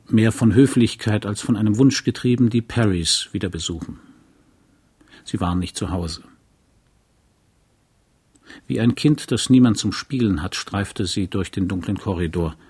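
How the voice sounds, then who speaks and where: A man reading a novel aloud in a calm, measured narrating voice. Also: on the low side, husky. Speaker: audiobook reader. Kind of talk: scripted literary narration.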